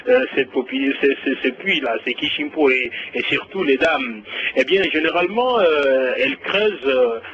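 A man's voice: medium pitch, expressive, moderate pace, slight background noise. A man, reporting live as a radio correspondent, hesitant with many fillers and restarts. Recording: dull lo-fi radio link.

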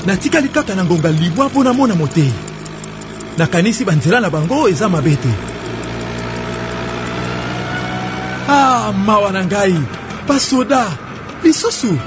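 A man's voice: high voice, animated, normal speed. An actor playing a determined young gardener who narrates his own adventure in a radio drama. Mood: rueful, worried. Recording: dull lo-fi radio broadcast. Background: loud music.

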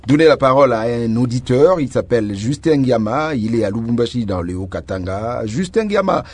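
A man's voice: mid-range voice, lively intonation, a little fast, a little mellow, husky. A man hosting a radio school show and taking listener calls in a formal, courteous way. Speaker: radio host. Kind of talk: radio call-in moderation. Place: radio studio.

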